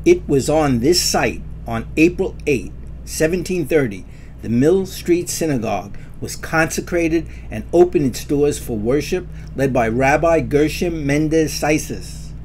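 A man narrating a scripted historical announcement in a measured, formal reading voice. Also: fairly high pitch, expressive, darkish tone, a little hiss or hum.

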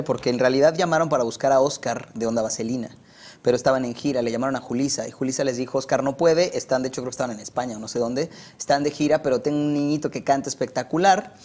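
A man with a Mexican accent, a singer and voice actor, telling anecdotes in a relaxed way as an interview guest. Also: medium pitch, fast. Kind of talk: casual interview storytelling.

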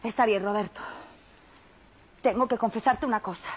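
A woman's voice: fairly high pitch, moderate pace, husky. A woman acting a cheeky, teasing wife in a comedy skit, sassy and mock-innocent, with an accent from Spain.

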